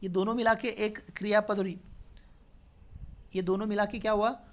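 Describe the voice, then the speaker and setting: A man's voice: high-pitched, flat delivery, normal speed. Male teacher, chatty. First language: Marathi. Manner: conversational, checks in with frequent tag questions. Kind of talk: exam paper walkthrough lesson.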